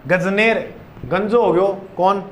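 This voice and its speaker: A male teacher giving a classroom lecture, loud and playful, drilling students with call-and-response chants. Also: high-pitched, steady tone, slow, slight background noise.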